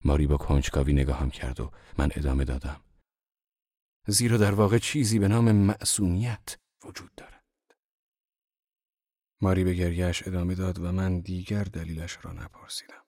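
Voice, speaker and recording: Deep-voiced man narrating a novel. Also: dry recording, clean studio sound. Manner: calm, measured storytelling.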